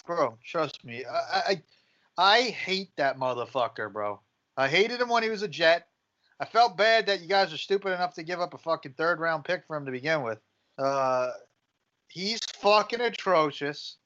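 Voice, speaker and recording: A man's voice: fairly high pitch, animated, normal speed, bright, forceful tone. A man co-hosting a sports podcast in casual banter, talking like a blunt, swearing frat bro. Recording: muffled lo-fi audio.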